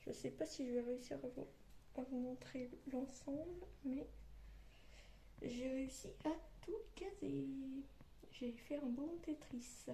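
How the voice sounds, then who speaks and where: Lisping woman with a dark, mellow voice. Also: sits high, measured pace, creaky. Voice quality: lisp on s sounds from orthodontic elastics. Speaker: vlogger. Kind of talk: casual rambling vlog chat to viewers. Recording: roomy echo, faint background noise.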